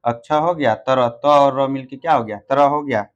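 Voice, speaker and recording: A man's voice: mid-range voice, moderate pace, muffled recording. Man teaching grammar, asking and answering himself. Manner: asks questions and answers them himself; repeats and counts things out. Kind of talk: exam-prep grammar lesson.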